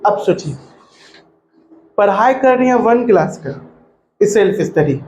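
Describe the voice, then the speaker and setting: High-voiced joking teacher. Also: male voice, slow pace. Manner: joking, lively, mimics students. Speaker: coaching teacher. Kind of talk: classroom talk to students. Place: classroom. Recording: echoey classroom with faint noise.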